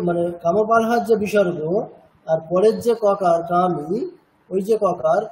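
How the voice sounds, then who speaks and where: His voice is high and warm, though the recording quality is low. Teaching Sanskrit chanting in a cultural centre classroom, he patiently explains how to pronounce things, keeps asking if students understand, and slowly models the chanted syllables.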